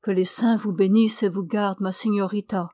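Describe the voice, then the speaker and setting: A weary young man, broken by loss and bitter underneath, as a woman reads him. He speaks haltingly and in a hushed way, in a mid-pitched voice with a close, dry sound. It is a storybook figure rather than a full character voice. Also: steady tone, dry recording, close to an everyday voice. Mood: grieving, weary. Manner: halting, subdued. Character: young man, exhausted, grief-stricken, bitter.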